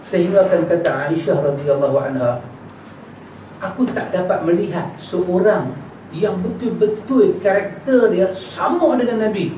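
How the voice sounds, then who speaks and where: A man giving a religious lesson in a prayer hall and answering questions, acting out little dialogues in a casual, lively way. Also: high voice, a little slow. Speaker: religious teacher. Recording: echoey hall, distant mic, dull, noisy.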